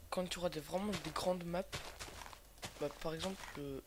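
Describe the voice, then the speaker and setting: A young Frenchman with a fairly high voice talks over a video game while sick, sounding like his throat is sore and swollen. He is casual and slangy, swears freely and hesitates often. The cheap microphone is clearly noisy. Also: steady tone, normal speed. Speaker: gaming video host. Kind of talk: casual gameplay commentary. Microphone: cheap computer microphone.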